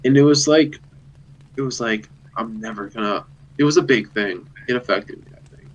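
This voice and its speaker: A young man co-hosting a podcast in casual, reflective talk. He stops and restarts his sentences a lot and often trails off into a quiet, subdued voice. His pitch is in an ordinary middle range. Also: normal speed, slight background noise, low-quality recording. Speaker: podcast co-host.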